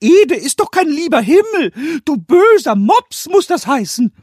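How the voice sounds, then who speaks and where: A man voicing a cheeky little male kobold with a squeaky, childlike, indignant voice. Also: very animated, unhurried, a little mellow, no echo, studio quality, full character voice.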